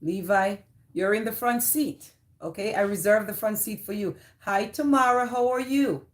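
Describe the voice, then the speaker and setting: On a laid-back livestream, a woman with a Jamaican accent chats through viewer comments, replying and saying hello to people by name. She talks at a medium pitch and normal speed.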